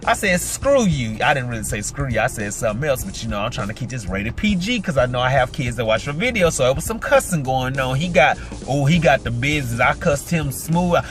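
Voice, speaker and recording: A man vlogging a storytime, retelling a work clash with indignant outbursts and dropping low and quiet for asides. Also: brisk, few pauses, over music. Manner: animated, indignant retelling with sharp pitch jumps; drops low and quiet for asides and sign-offs. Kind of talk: storytime vlog.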